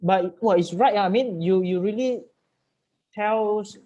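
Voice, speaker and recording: A man's voice: high-pitched, slow, mellow. A man in his thirties with a Malaysian accent chats casually in colloquial Singlish-style English, full of lah and ah, mixed with Malay. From Penang, Malaysia. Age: 30s. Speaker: online event host. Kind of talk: casual chat. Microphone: video call. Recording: muffled video call audio.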